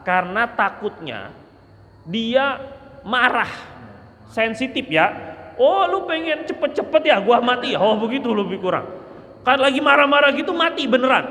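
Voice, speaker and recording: A man teaching a casual mosque study lecture, animated and conversational, acting out little examples as he explains. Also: on the high side. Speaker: religious teacher. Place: mosque hall. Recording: echoey mosque hall.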